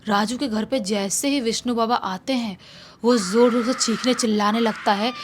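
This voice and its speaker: Lady telling a spooky story casually, fairly high voice, chatty with restarts. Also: fairly even intonation, normal speed. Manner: conversational, with restarts and repetitions. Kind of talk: casual spoken horror storytelling.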